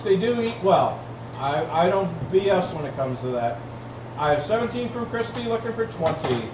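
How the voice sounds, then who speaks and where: Calling bids at a live online auction, a man with a high voice repeats numbers in a steady chant, speaking to the folks bidding. The distant mic picks him up in an echoey room, and the sound is dull and clearly noisy.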